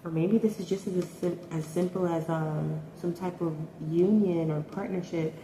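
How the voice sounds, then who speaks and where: Woman, lowish mellow voice, hesitant tarot reader, roomy echo with faint hiss. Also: steady tone, normal speed. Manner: hesitant, thinking aloud with many ums and likes. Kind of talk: casual tarot reading. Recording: echoey room with faint noise.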